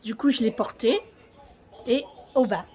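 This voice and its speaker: A fairly high-pitched woman talks to her viewers in a loose, rambling vlog style, full of fillers and little restarts. She sounds like she is chatting while doing chores around her kitchen at home. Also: measured pace, warm tone. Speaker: vlogger. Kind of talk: casual home vlog chat.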